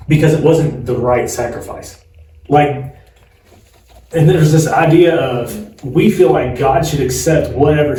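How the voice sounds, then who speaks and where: A man's voice: medium pitch, warm tone. A man in his forties co-hosting a podcast, talking casually in a chatty, rambling way and laughing often. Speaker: podcast co-host. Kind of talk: casual chat. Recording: echoey room, distant mic, faint hiss.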